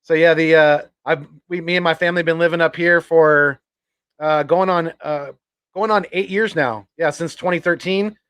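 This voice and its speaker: A man from Northern California joins a sports podcast as a guest, his voice sitting a bit high. He chats in an upbeat way, often stopping to restart with "uh" and "I'm." The sound is dry and close, with no room behind it. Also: steady tone, fairly bright tone, clear, resonant tone, no room sound. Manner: upbeat, chatty, halting with fillers. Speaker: guest YouTuber. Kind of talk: casual sports podcast chat.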